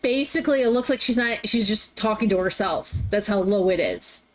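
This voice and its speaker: A woman's voice: mid-range voice, animated, brisk. A woman playing a tabletop game, chatting casually and restarting her sentences. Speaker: player.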